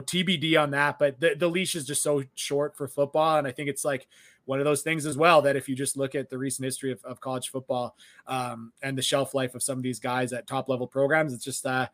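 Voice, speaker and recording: A man's voice: medium pitch, flat delivery, a little fast, sharp tone, dry recording, studio quality. A man co-hosting a college sports podcast, talking casually and rambling with many fillers. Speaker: podcast co-host.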